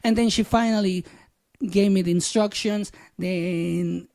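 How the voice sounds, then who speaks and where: A man's voice: high-pitched, fairly even intonation, a little slow, creaky, darkish tone. A man hosting a podcast, telling a personal story in a candid, casual monologue with some swearing. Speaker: podcast host.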